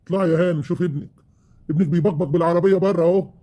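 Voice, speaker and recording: A man's voice: medium pitch, quick pace, husky, natural voice. A man with an Egyptian accent playing a bitter, worn-out older husband in a family web drama. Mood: weary. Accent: Egyptian Arabic. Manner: reproachful, rising to shouting.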